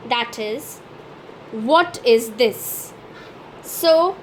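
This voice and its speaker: A woman hosting a French lesson channel, explaining slowly and drilling pronunciation carefully. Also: high voice, fairly bright tone, a little hiss or hum, poor audio. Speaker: French teacher and channel host. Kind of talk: slow instructional explanation.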